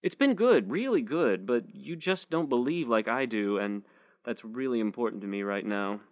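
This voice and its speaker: A man's voice: mid-range voice, expressive, moderate pace, natural voice. A man reading a story, voicing an earnest young male activist who lectures his girlfriend.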